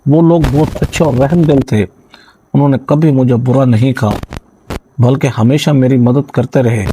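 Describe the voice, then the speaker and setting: A man narrating a first-person story in a steady, dramatic, scripted reading voice into a close mic. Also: medium pitch, slight background noise, low-quality recording.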